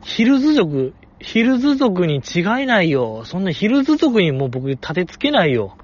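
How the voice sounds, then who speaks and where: A man with a Kansai accent, hosting a casual chat and reading listener messages, talking in excitable, exaggerated bursts. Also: high voice, moderate pace, breathy edge, lo-fi sound.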